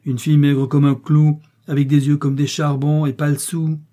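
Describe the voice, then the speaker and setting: A man reading an audiobook, voicing an angry, contemptuous peasant mother who scolds in loud outbursts. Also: mid-range voice, fairly even intonation, moderate pace, close to an everyday voice. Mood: scornful, furious. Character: angry scornful peasant mother, older woman.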